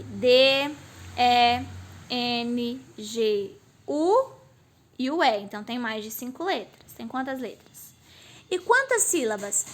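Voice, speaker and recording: Woman teacher, high voice, patient explainer asking and answering her own questions. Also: fairly bright tone. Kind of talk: recorded remote class lesson.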